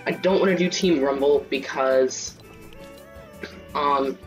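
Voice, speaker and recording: A man's voice: medium pitch, slow pace. A man hosting a gaming channel, chatting casually over his gameplay with lots of ums and likes. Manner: rambling, many fillers. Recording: distant mic with faint game music.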